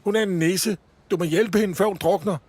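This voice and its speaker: A man's voice: high-pitched, fairly even intonation, darkish tone, dry recording, pitched above the performer's own voice. A man voicing an earnest, anxious young boy in a raised, urgent, fretful voice for a storybook reading. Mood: panicked.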